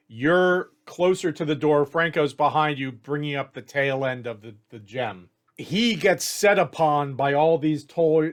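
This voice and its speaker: Play a casual game master, higher voice. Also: male voice. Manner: casual, matter-of-fact narration. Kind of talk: narrating a tabletop game. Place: home setup, online stream.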